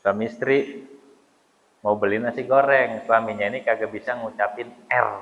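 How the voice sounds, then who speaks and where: A man's voice: lowish voice, steady tone, moderate pace, fairly bright tone. A man teaching a casual, joking study lesson, acting out mispronunciations. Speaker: religious teacher. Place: mosque. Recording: dull sound with long hall reverb.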